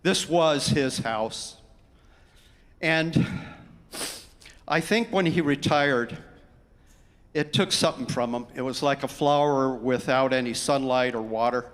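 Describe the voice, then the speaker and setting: A man giving a eulogy for his brother, telling the story in a lively way and acting out what people said. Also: mid-range voice, slow, pauses often. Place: large hall at a memorial gathering. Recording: long hall reverb.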